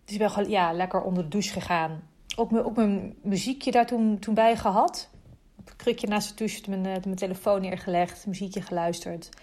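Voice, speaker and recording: A young woman speaking at an ordinary middle pitch for a woman. She recounts her birth story in a calm, reflective and soft-spoken way, pausing now and then to find her words. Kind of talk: casual personal storytelling.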